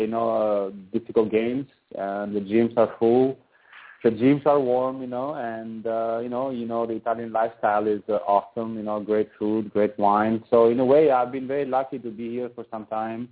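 A man from Albania calls in to chat about his sport, his voice sitting fairly low. He rambles on and drops "you know" into nearly every line. The sound is thin and tinny, squeezed through a phone line. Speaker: professional volleyball player, guest. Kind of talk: casual phone interview. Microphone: phone call.

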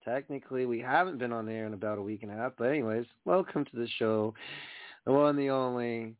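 A man's voice: medium pitch, fast, no room sound. A man hosting a wrestling radio show, chatting casually in a rambling, slangy way over a thin phone-like line. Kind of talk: casual talk show chat.

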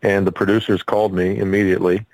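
A man's voice: low-pitched, flat delivery, fast, a little mellow, no echo, rough recording. A man speaking as a musician and actor guest in a casual interview, earnest and a little hesitant.

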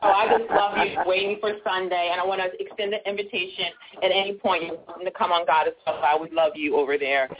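A woman from Baltimore calling in to a radio show over a phone line, excited and drawing out her words for emphasis. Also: lowish voice, fast talker, hardly any pauses, a crowd in the background. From Baltimore, Maryland. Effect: heard over a phone line. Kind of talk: call-in chat.

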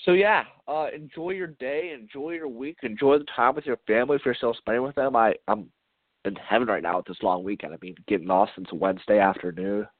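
A man's voice: mid-range voice, fairly quick, no room sound. A man hosting a baseball podcast in a casual, rambling way, a little congested and stumbling over his words. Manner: rambling, repeats words, chuckles. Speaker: podcast host. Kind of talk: casual solo podcast sign-off. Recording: dry, tinny phone-like sound.

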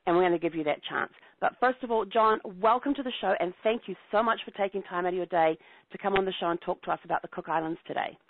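Woman, New Zealand accent, travel show host, chatty and eager, lowish voice, tinny phone-line sound. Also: fast talker, slight background noise. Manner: bubbly, chatty, laughs easily. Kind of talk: enthusiastic casual interview.

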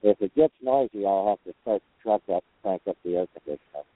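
A man with a fairly low voice hosts a casual call-in show from his truck cab. He rambles in a folksy, hesitant way. The sound is dry and thin, squeezed like a phone line. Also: fast talker, no room sound. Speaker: host of a truckers' talk show. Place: parked truck cab with windows open. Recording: narrow, tinny phone or radio line.

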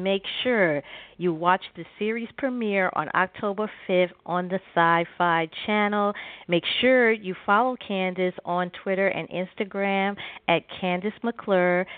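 A woman hosting a radio interview show, enthusiastic and a little halting. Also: medium pitch, dry recording. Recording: dry tinny phone line.

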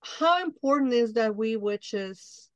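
A woman's voice: on the high side, expressive, takes it slowly, no echo. A woman hosting an interview, effusive and enthusiastic, whose first language is Spanish. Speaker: show host. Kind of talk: casual interview chat.

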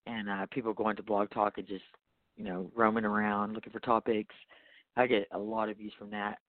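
Flat and somewhat low, this man's voice moves at a moderate pace with no echo as he hosts a podcast. His casual, rambling talk is informal, regularly checks in with the listener and often ends with "you know." The audio sounds thin and phone-like, from a makeshift setup.

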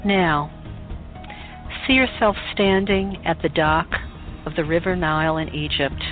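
A woman leading a guided meditation in a calm, soothing, unhurried voice with pauses. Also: lowish voice. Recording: muffled phone-like recording with music. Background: meditation music.

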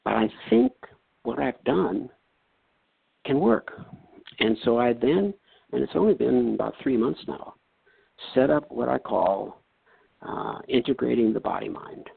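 Over a dry, tinny phone-like line with no echo, a North Dakota man in his seventies, once a doctor, shares a personal story in plain, folksy, earnest style. His mid-range voice is expressive, creaky, and slightly rough, moving at a measured pace with long pauses as he acts out quoted exchanges.

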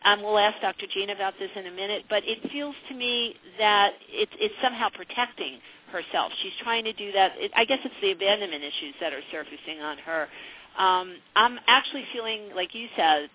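A woman's voice: mid-range voice, fairly quick, a little hiss or hum. A woman hosting a call-in advice radio show, conversational and reflective, repeating phrases, with narrow phone-like sound. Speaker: psychic advice radio host.

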